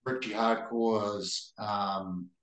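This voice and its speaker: A man's voice: lowish voice, fairly even intonation, drawn-out words, a bit bright, roomy sound, low-quality recording. A man with a broad New Zealand accent chatting casually about combat sports as a podcast co-host, in a blokey, sweary way. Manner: blokey, sweary, ends remarks with "eh".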